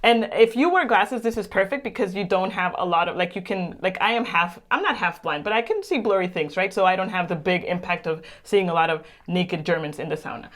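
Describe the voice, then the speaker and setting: A woman's voice: on the low side, brisk, hardly any pauses. A woman from Guatemala in her thirties, co-hosting a casual chat and laughing often. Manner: laughs often, lively and chatty. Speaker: co-host. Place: home sauna room.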